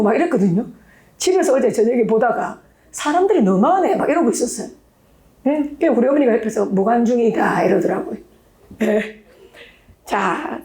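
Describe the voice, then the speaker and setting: A woman's voice: on the high side, mellow. A woman English exam instructor, lecturing emphatically and checking in with rhetorical questions. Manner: emphatic, peppers talk with rhetorical check-ins. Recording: echoey room.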